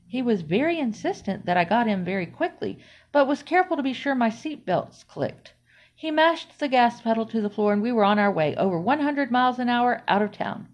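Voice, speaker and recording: Woman reading a story aloud. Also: a little high. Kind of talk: first-person story narration. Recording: slightly dull, lo-fi audio.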